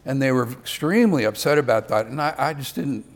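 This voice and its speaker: A man's voice: mid-range voice, brisk. An older man giving a conversational sermon, with self-deprecating asides. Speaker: preacher.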